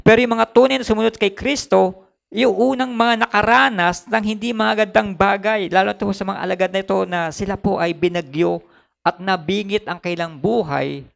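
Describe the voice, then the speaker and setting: A Filipino man preaching from the pulpit in a very high voice with a heavy gravelly fry. He slips between Tagalog and English and doubles back on his phrases to drive each point home. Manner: mixes Tagalog with English, repeats phrases for emphasis. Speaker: pastor. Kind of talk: sermon.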